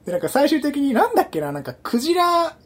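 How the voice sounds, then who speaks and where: A man's voice: very high-pitched, quick pace. A man on a podcast in casual chat, telling a story and acting out the quotes as he goes. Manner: animated storyteller, acts out quotes. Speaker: podcast co-host.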